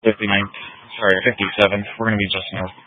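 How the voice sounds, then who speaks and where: A man's lowish voice comes through a tinny, narrowband police radio, dry and close. He is a patrol officer reporting in quick, clipped radio procedure, with the odd "uh" between calls. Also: little pitch movement, no room sound. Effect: police radio transmission.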